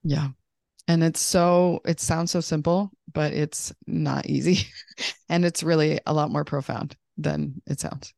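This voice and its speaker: A woman with a notably low voice, speaking as a guest on a podcast. Her voice is dry and close, with no room sound, and she talks in a bubbly, talkative way. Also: steady tone, measured pace, creaky, darkish tone, dry recording. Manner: bubbly, talkative, laughs often. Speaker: podcast guest, life coach. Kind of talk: casual podcast chat.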